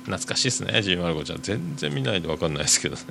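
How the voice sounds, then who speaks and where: A man hosting a podcast, reading listener mail aloud and chatting casually in a rambling, hesitant way full of drawn-out fillers. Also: sits low, big pitch swings, vocal fry, bright, forceful tone, slight background noise. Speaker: podcast host.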